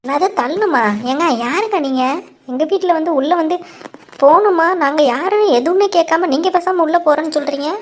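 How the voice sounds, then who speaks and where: Woman voicing a quick-tempered cartoon village woman; very high squeaky register, scolding. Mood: demanding. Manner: scolding, shrill bickering. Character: squabbling village women, adult, loud and quick-tempered. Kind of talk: cartoon dub voice acting.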